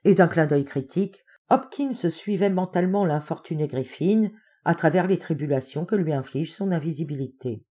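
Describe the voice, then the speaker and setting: Measured woman narrating a classic story. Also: sits low, mellow, breathy edge. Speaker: audiobook narrator. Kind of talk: scripted narration.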